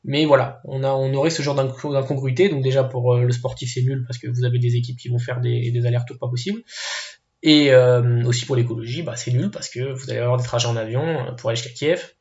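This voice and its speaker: A man with Portuguese family roots, a football video commentator, speaks quickly in a mid-range, fairly even, slightly mellow voice. His casual opinion piece is hesitant and peppered with fillers and restarts, recorded in an echoey room with dull lo-fi quality.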